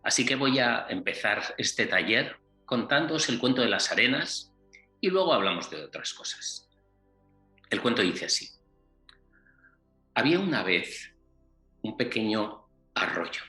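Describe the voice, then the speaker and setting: A man, a workshop facilitator, telling a traditional tale in a slow, deliberate way with many repetitions. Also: medium pitch, expressive, pushed and bright. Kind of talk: storytelling to open a workshop. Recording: roomy echo, faint music.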